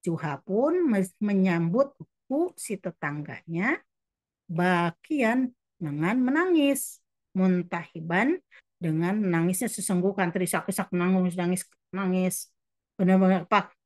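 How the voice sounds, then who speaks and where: A woman's voice: lowish voice, animated, darkish tone, dry recording. Woman teaching an Arabic story, dry sound. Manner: reads Arabic slowly, then translates and repeats. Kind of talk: explaining an Arabic story phrase by phrase.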